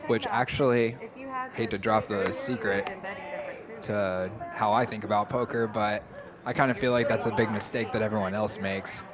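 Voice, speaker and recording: A young man commentating a live poker stream in a relaxed, analytical way. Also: fairly low pitch, normal speed. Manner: easygoing, analytical. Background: crowd chatter of a poker room.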